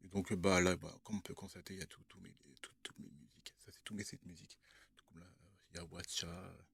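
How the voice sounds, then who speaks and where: A young man with a fairly low voice chats casually to the camera about things he has bought. He hesitates often, stacking fillers and false starts as he goes. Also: little pitch movement, fast, creaky, a bit bright, a little hiss or hum. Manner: hesitant, many fillers and restarts. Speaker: vlogger. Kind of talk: casual show-and-tell vlog.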